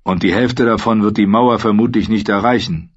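A man's voice: on the low side, normal speed, slightly rough, highs cut off. A man reading a plain-spoken ranger. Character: young ranger reporting to his lord.

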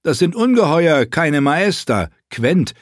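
Guy doing a cocky young sellsword, mocky and blunt, pitched way up, dry audiobook sound. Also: sing-song, slow pace, dry recording. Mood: mocking, urgent. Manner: teasing, blunt, raised voice. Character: wry mocking young male sellsword companion. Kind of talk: audiobook character voice.

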